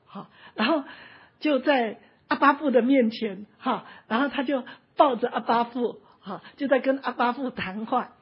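A woman's voice: on the high side, moderate pace, breathy edge. A woman, preaching an emotional sermon, impassioned and often close to tears, dotting her sentences with little "ha" tags. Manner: impassioned, often near tears, frequent "ha" tag particles. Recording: dull lo-fi recording.

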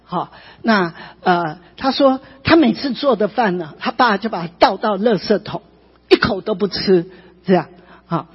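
A woman preacher telling a testimony in an animated, emphatic way, often adding tag particles. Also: mid-range voice, moderate pace, slightly rough. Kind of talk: emotional sermon testimony. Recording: dull recording with long reverb in a hall.

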